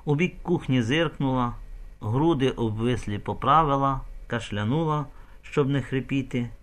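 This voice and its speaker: A man narrating an audiobook in an expressive, emotional storytelling manner. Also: mid-range voice, normal speed.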